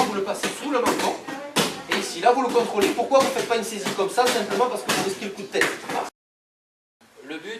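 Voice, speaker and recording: A man with a high-sitting voice leads a live self-defense class, giving directions and often checking in with "okay?" The audio comes from a distant camera mic in an echoey hall, with noise in the background.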